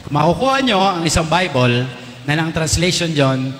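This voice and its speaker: Teasing Filipino priest in an echoey church. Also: male voice, fairly high pitch, animated, fairly bright tone. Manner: teasing, quizzes the crowd with rapid questions. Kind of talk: lively homily to a congregation. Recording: echoey church with long reverb, faint music.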